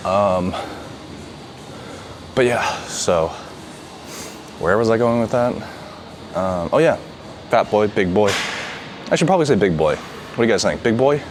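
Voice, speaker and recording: A man's voice: fairly low pitch, lively intonation, measured pace, pauses often. A man chatting casually to the camera between workout sets in a gym, rambling and laid-back, often saying "dude.". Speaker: vlogger. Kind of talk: casual workout vlog chat. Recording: noisy gym ambience.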